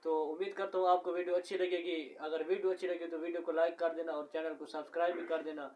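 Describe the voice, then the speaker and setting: A man hosts a casual reaction video, speaking in a slightly high voice with a relaxed, hesitant flow full of fillers. He sounds set back from the microphone. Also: quick pace. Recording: voice distant from the mic.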